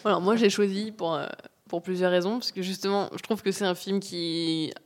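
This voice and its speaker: A woman's voice: fairly low pitch, steady tone, moderate pace, a little hiss or hum. A woman giving her blunt, colloquial take in a casual group film discussion.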